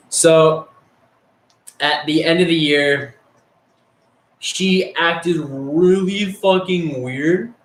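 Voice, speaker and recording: A teenage guy with a slightly high voice rambles through crude school stories, swearing constantly and tripping over fillers. The room around him is bare and echoey. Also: very slow, long pauses. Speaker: storyteller. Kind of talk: casual storytelling.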